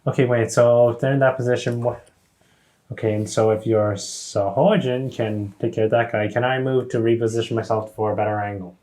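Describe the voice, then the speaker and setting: A man's voice: medium pitch, steady tone, brisk, a little mellow. A man playing a tabletop game, thinking aloud and asking questions. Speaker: player. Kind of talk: casual tabletop game chat.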